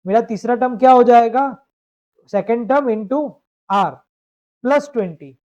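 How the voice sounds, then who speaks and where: A man's voice: very high voice, unhurried, a little mellow. A man teaching math in a live online lecture, explaining step by step and asking students to confirm. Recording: dull lo-fi stream audio.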